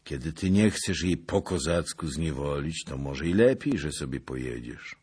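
A man's voice: animated, normal speed, a little mellow, slightly rough, exaggerated voice. A man voicing a wild, wailing woman witch who chants and shrieks over a mill wheel. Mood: scolding. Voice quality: shrill, wailing incantations. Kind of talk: audiobook character voice.

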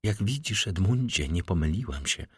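A man voicing a grieving middle-aged noblewoman who pleads with hushed desperation for her son. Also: low-pitched, expressive, normal speed, husky, no echo, clean studio sound, heavily acted. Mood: pleading.

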